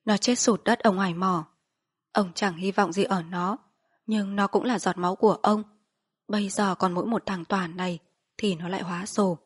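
A woman reads a novel aloud as audiobook narration, steady and even in her storytelling. Her voice is husky and breathy, at a middle pitch. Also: normal speed.

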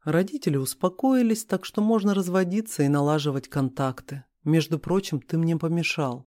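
A man's voice: fairly high pitch, moderate pace, a little mellow, no room sound, clean studio sound, natural voice. Feisty young wife, read by a man. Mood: indignant. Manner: indignant, raised voice. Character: feisty tipsy young wife, sharp-tongued.

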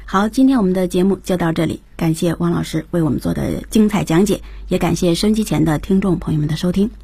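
A woman's voice: fairly low pitch, fast talker, vocal fry, warm tone, breathy edge, dry recording. A woman hosting a radio English lesson, reading English dialogue lines and prompting the teacher. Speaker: radio program host. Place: radio studio.

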